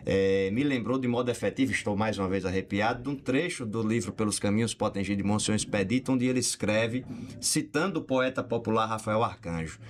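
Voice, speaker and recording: A man's voice: fairly low pitch, a little fast. A man speaking as a podcast guest in a studio, giving closing remarks and reciting poetry in a declamatory manner. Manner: declamatory, rising into heightened recitation.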